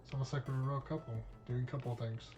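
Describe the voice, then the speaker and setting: A streamer reading a visual novel aloud, voicing all parts in a casual, cursing manner. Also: male voice, mid-range voice, steady tone, fast talker, music in the background. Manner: casual, reads all parts, drops in swear words.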